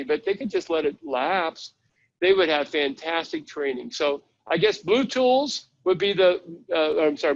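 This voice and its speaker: A webinar presenter with a slightly high voice hosts a live online training session, chatting his way through a website step by step. The sound is lo-fi.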